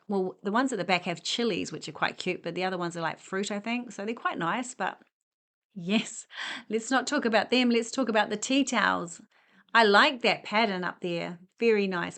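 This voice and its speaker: A middle-aged woman with a medium-pitched, somewhat bright voice rambles casually as she walks through a discount store for her shopping vlog. She pokes fun at herself while chatting.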